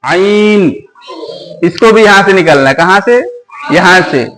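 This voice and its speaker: A man teaching Quran letters, asking questions and repeating each letter slowly and patiently. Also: high-pitched, animated, a bit bright, low-quality recording.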